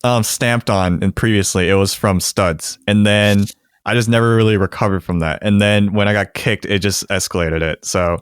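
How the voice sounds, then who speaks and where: A man's voice: lowish voice, normal speed, clear, resonant tone, no room sound, studio quality. A young man co-hosting a podcast, telling stories in casual chat and laughing often. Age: young adult. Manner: laughs often, animated storytelling. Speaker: podcast co-host.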